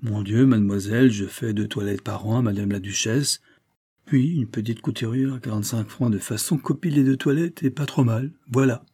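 A man's voice: mid-range voice, normal speed, warm tone, husky. A man reading aloud voices a proud, worldly middle-aged woman dressmaker who speaks in a dry, knowing, confiding way.

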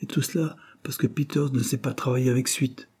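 Male reader as a reproachful young man, earnest, dark-toned. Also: medium pitch, fairly even intonation, brisk, slightly rough, pitched above the performer's own voice.

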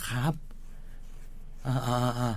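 A man hosting a ghost-story radio show, firing quick interjections and eager follow-up questions at his guest. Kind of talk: interviewing a caller.

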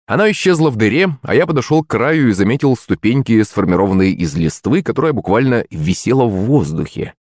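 A man's voice: mid-range voice, lively intonation, fairly quick, few pauses, darkish tone, no echo, clean studio sound. A man narrating a fantasy audiobook in the first person.

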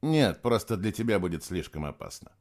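A male narrator voicing a calm, cunning young male prisoner who speaks steadily and turns to urgent commands. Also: brisk. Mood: quiet, serious. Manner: steady, low-voiced, then urgent commands. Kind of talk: audiobook character voice.

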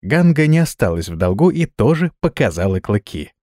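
A man narrating a fantasy audiobook with expressive intonation. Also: fairly low pitch, normal speed, no room sound, studio quality.

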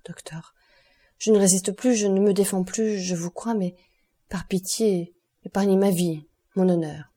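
A woman's voice: mid-range voice, fairly even intonation, normal speed, warm tone, natural voice. A woman reading the part of an anguished male magistrate who pleads and falters. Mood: pleading.

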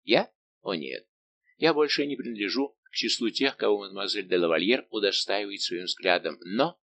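A man's voice: fairly low pitch, lively intonation, moderate pace, creaky, fairly bright tone, a little hiss or hum. A male reader voicing a young lady-in-waiting who teases and asks mocking, pointed questions, in an audiobook. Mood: teasing. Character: young female lady-in-waiting, teasing and sharp.

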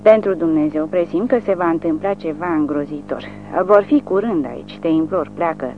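A reader voicing a frightened woman who hides a fugitive and begs him to leave, with a shrill, panicked voice. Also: close to an everyday voice. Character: terrified middle-aged woman hiding a fugitive. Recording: narrow phone-like sound, faint music.

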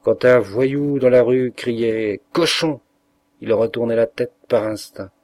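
A man reading a classic short story aloud as an audiobook narrator, in an expressive, measured way. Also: mid-range voice, dry recording.

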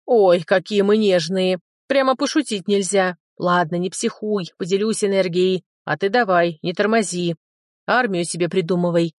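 A woman's voice: mid-range voice, normal speed, dry recording, studio quality, natural voice. A woman voicing a lazy, potbellied little male dragon who talks in brash, mocking slang. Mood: teasing.

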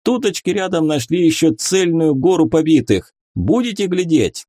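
A man's voice: fairly high pitch, big pitch swings, normal speed, warm tone, dry recording, studio quality, voice pushed up. A man voicing an eager rustic corporal.

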